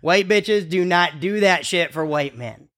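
A man's voice: high voice, a little slow, a bit bright. A man in his forties telling crude, profane comedy stories in a casual podcast chat. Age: 40s. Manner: crude, profane, rambling anecdotes. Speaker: podcast host.

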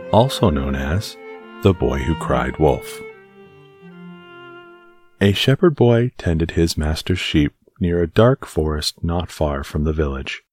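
A man hosting and narrating a bedtime story podcast in a slow, soothing, deliberate way. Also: low voice.

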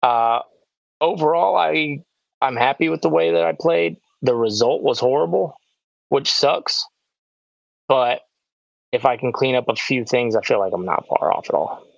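A man and pro disc golfer, recapping his tournament in a relaxed, rambling casual chat full of "like" fillers. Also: mid-range voice, a little slow, vocal fry, pauses often, no room sound. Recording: dull, dry lo-fi sound.

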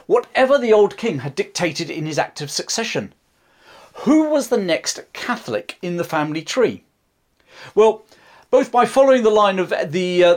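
A man tells history with real theatre in his voice, his pitch leaping up and dropping low for effect. He sits a little higher than most men and slips into friendly asides to the viewer between the dramatic beats. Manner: dramatic storytelling with chatty asides. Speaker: history channel host. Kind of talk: history storytelling to camera.

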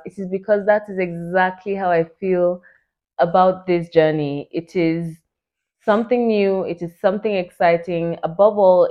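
Chatty young woman hosting a podcast, low voice. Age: 20s. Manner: excited, chatty, full of fillers like "like" and "you know". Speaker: podcast host. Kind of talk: casual solo podcast talk. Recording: dull lo-fi recording.

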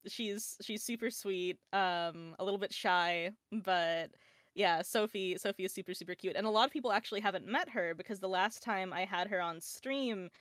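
Brief: woman VTuber guest on a podcast, mid-pitched, chatty and rambling, restarts her sentences. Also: moderate pace, a bit bright, dry recording, studio quality. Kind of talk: casual podcast chat.

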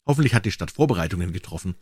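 A man's voice: low-pitched, expressive, rapid-fire, a little mellow, slightly rough, dry recording, clean studio sound, pitched below the performer's own voice. A man voicing a small, proud male swallow in a storybook reading, talking in a chirpy, fussy, self-important way. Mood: pleased, puzzled.

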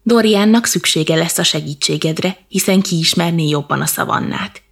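A woman voicing an old, wise, kindly elephant in a children's storybook, speaking gently and cordially. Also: fairly low pitch, creaky, breathy edge. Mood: gentle. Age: older. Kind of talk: storybook character voice.

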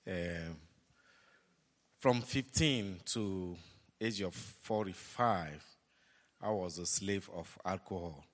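Slow, low-voiced older man with Togolese accent. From Togo. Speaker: guest giving testimony. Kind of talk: personal testimony before a congregation. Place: large church hall, on stage. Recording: reverberant large hall.

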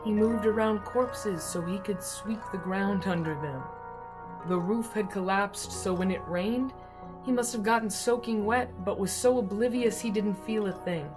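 A man doing a gruff, grim old great-uncle. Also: sits high, over music, voice pushed up. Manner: blunt, slow and grim.

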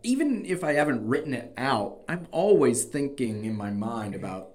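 A man's voice: medium pitch, very animated, normal speed, a little mellow. A man hosting a conversational podcast, explaining his points and giving encouraging advice like a coach. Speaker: podcast host and debate coach.

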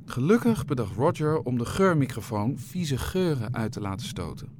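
A man reading a children's adventure story aloud with an expressive, playful delivery. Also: mid-range voice, moderate pace, slight background noise.

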